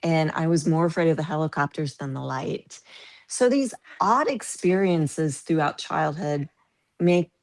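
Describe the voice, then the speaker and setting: Low-pitched and unhurried, this woman in her fifties from the American Midwest is a podcast guest. She tells casual stories animatedly, laughing her way through them.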